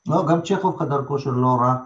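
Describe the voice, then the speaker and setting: A man being interviewed as a theatre director, telling stories conversationally and repeating phrases for emphasis. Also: mid-range voice. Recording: echoey room, slightly dull sound.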